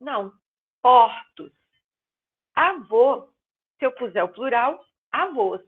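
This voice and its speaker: A woman teaching a grammar class online, explaining patiently and stressing example words loudly. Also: a little high, big pitch swings, slightly rough. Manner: explains slowly, stretching and exaggerating words as examples. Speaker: Portuguese teacher. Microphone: video call. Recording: tinny phone-line sound.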